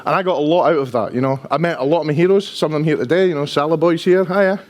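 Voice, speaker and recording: A man's voice: a little high, fast. Strong Dundonian man, chatty conference speaker. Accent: strong Dundonian Scottish. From Dundee, Scotland. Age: 50s. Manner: chatty, self-deprecating, often tags sentences with "right?". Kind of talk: informal conference presentation.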